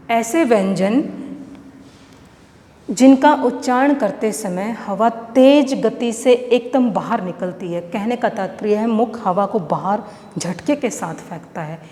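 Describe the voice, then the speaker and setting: A woman's voice: a little high, darkish tone. Echoey Haryanvi woman teaching grammar. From India. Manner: explains step by step, keeps checking "clear?". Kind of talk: classroom grammar lesson. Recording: echoey room with long reverb, faint noise.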